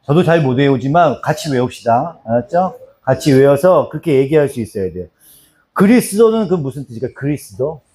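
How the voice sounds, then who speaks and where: In a small church, a pastor teaches doctrine in a Bible lesson, his mid-range voice warm, brisk and expressive. He repeats key phrases, drills the answers, and calls on listeners by name to respond.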